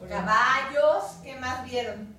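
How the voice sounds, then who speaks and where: A woman with a Mexican Spanish accent telling a story live to children, expressive and often asking them questions, in a community cultural center. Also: high-pitched, slow pace, noisy background. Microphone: distant microphone. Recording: echoey room, distant mic.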